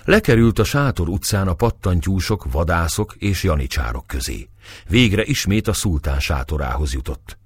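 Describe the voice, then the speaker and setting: A man narrating a historical novel as an audiobook, expressive and dramatic. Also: deep voice, husky, no room sound.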